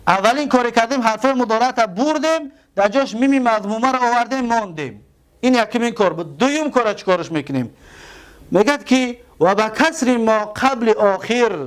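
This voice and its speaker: High-voiced man teaching grammar. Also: animated, clean tone. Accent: Tajik. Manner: repeats terms slowly, asks and answers own questions. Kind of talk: classroom lesson.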